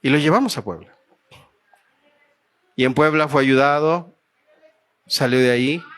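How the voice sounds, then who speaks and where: A man's voice: fairly high pitch, measured pace, a bit bright. A man with a Mexican Spanish accent preaching a sermon in church, telling a story and putting earnest questions to the congregation.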